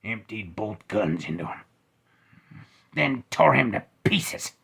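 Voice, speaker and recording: A man narrating a story in the style of old-time radio, hushed and whispery with loud sound-effect bursts. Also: lowish voice, very animated, slow, vocal fry, husky.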